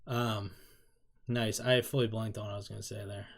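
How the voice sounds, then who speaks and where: In a fairly low, flat voice at a moderate pace, a man in his thirties talks casually through a K-pop reaction video on his YouTube channel. He rambles, mocks himself a bit and breaks into laughter.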